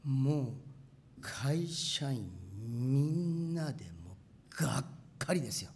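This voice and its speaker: A pastor telling a story in a sermon, animated and acting out machine noises with sound words. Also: medium pitch, slow, slight background noise.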